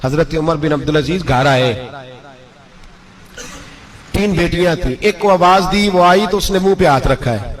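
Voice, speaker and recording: A man's voice: a little high, pauses often. A male preacher tells a moral story in an emotive sermon and swells to emphatic peaks.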